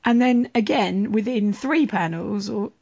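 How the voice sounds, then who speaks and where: A woman's voice: medium pitch, unhurried, vocal fry, a little mellow. Giggly woman chatting, dull lo-fi sound. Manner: giggly, amused and confused. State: coughing. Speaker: guest reading a comic. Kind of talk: casual chat.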